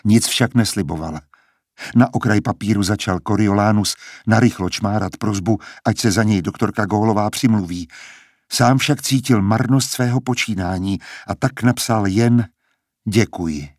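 A man reading an audiobook as narrator in a calm, steady storytelling manner. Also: lowish voice, dry recording, clean studio sound. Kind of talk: scripted narration.

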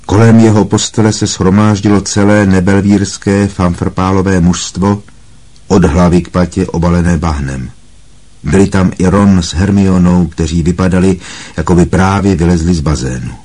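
A man narrating an audiobook in a measured, dramatic reading. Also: low-pitched, fairly even intonation, mellow. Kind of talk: scripted narration.

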